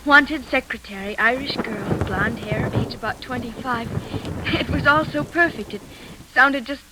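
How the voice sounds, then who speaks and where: In an old radio broadcast with a faint hiss, an actress in her twenties plays a nervous young Irish woman applying to be a secretary in a 1940s drama. Her natural voice is fairly high and a little slow, and she stammers hesitantly and anxiously.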